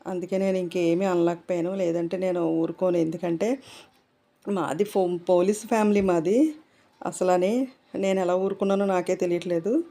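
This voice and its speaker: Middle-aged woman, casual home vlogger, rambling chat, mellow voice. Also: lowish voice, steady tone, normal speed. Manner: talkative, rambling, many fillers.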